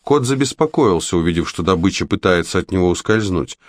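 Audiobook narrator, man, animated storytelling, low-ish, dry booth sound. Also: a little fast, no echo.

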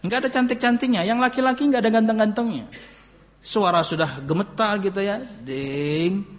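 High-voiced preacher, chatty and joking. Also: male voice, fast talker. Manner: chatty, joking, mixing in local words. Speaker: Islamic preacher. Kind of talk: casual sermon talk. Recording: muffled lo-fi recording.

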